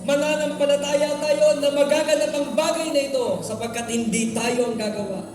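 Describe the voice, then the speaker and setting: A preacher from the Philippines leads a sermon in a large church hall, calling for responses from the congregation and slipping English phrases into the talk. The voice sits high and carries a long, roomy echo. Music plays clearly underneath. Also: fairly even intonation, normal speed, a little mellow. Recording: echoey hall, far from mic, with music.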